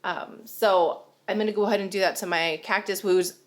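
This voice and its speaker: Talking to camera in a casual, rambling way, this young stay-at-home-mom vlogger laughs a lot. She speaks a little fast in a steady, mid-range tone that sounds a bit nasal and congested.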